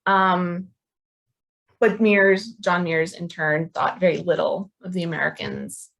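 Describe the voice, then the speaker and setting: Woman, history lecturer, lower voice, halting and filler-heavy delivery. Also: steady tone, vocal fry, a bit bright, low-quality recording. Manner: hesitant, many ums and restarts. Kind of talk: academic talk.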